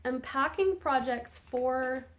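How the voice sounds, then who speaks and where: Chatting about her knitting projects, a podcast host rambles and corrects herself in a casual way. Her voice sits high and moves slowly, phlegmy from a cold she hasn't shaken.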